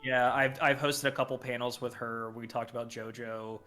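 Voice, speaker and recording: A man's voice: medium pitch, flat delivery, normal speed, sharp tone, faint music behind. A podcast guest with a sore throat, a man chatting casually in a rambling way, trailing off with fillers. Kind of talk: casual chat.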